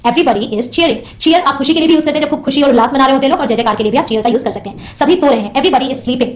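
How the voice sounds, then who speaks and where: High-voiced woman teaching phrases. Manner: repeats each English phrase slowly, explains quickly in Hindi. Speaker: English teacher. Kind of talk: bilingual language lesson.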